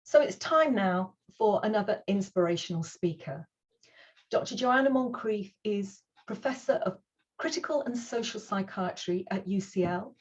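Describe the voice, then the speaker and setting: A woman's voice: mid-range voice, darkish tone, husky, dull audio. A woman hosting an online conference over a video call, speaking in an earnest, reassuring way as she opens the day and introduces the first speaker. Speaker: conference host.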